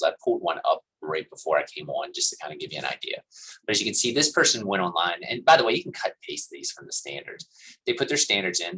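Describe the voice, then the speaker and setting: A man lectures his class in a loose, rambling way, stopping often for fillers. His voice sits low and sounds bright and forceful, with a husky edge. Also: low-quality recording. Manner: casual, rambling explanation with fillers. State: coughing and hiccuping. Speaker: college instructor.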